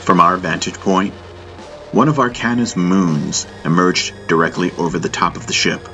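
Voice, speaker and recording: In a low, deep voice, a man narrates a science-fiction audiobook at a moderate pace, delivering scripted, dramatic storytelling. Music is clearly audible behind him, and the audio sounds dull.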